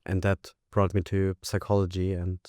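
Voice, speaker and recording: Brief: young man, English, very low warm voice, smooth and dry, measured and hesitant. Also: completely flat delivery, no echo. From Austria. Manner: thoughtful, hesitant with fillers. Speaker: graduate guest. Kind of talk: interview answers.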